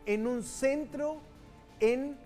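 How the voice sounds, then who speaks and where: Male Peruvian news anchor, brisk and chatty with the viewer, mid-pitched, faint music bed. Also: mellow. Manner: brisk, conversational, addresses viewer directly. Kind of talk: live news commentary.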